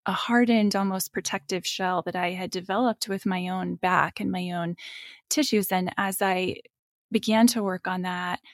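A woman guest talking through ideas in a thoughtful, unhurried way, with frequent fillers. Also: on the low side, steady tone, no echo, clean studio sound. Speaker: guest, spine and energy teacher. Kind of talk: reflective interview talk.

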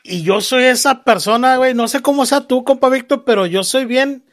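A man hosting a casual interview, telling stories in animated, slangy Mexican Spanish with swearing. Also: very high-pitched, normal speed. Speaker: podcast host.

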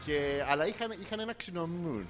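A man's voice: high-pitched, expressive, fairly bright tone, faint music behind. A man co-hosting a podcast in casual chat, rambling through a holiday story and quoting the people in it. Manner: rambling, tells a holiday story with quoted dialogue. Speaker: podcast co-host.

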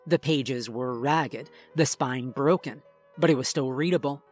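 A man reading a first-person horror story in a tense, measured way. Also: medium pitch. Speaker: narrator. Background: faint music.

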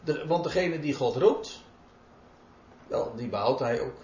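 A man's voice: mid-range voice, lively intonation, unhurried, darkish tone, a little hiss or hum. A man preaching a sermon, reading out scripture verses and explaining them emphatically. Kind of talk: sermon, Bible exposition. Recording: roomy, dull lo-fi recording.

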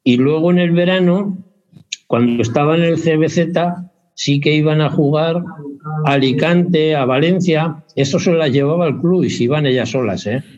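With a fairly high, slightly mellow voice at normal speed, a basketball parent chats casually with an interviewer. He tends to ramble and hesitate, correcting himself often, on a dull lo-fi recording.

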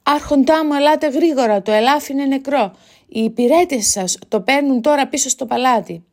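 A woman voicing an eager young squire who calls out loudly and urgently. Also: high-pitched, pitched above the performer's own voice. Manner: urgent, loud.

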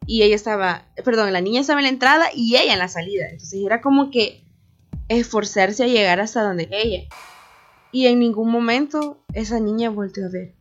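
A young woman telling a spooky story in a casual, animated chat, filling her talk with "o sea". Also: fairly high pitch, fairly quick. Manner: animated, many fillers like "o sea". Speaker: radio show team member telling a story. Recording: dull lo-fi recording with faint music.

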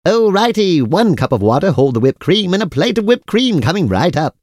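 A man's voice: high voice, sing-song, fairly quick, a little mellow. A man playing an obliging, formal restaurant waiter with polite, eager service patter in a comic audio drama. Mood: chirpy, formal.

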